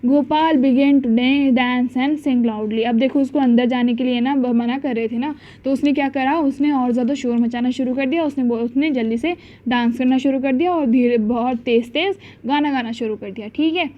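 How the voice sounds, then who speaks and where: A woman teacher explaining a school story chapter, mixing languages, acting out the quotes and reading English lines slowly. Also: sits high. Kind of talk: storybook lesson in Hindi and English. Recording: dull lo-fi sound.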